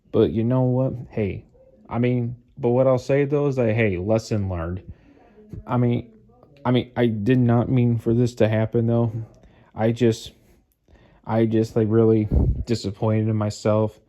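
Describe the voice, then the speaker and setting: A man's voice: on the low side, dark tone. A man hosting his own vlog, rambling with lots of filler words, dejected and sighing as if close to tears. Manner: rambling, full of "like" fillers and restarts. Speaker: model train hobby channel host. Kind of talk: casual vlog monologue. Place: at home, by a staircase.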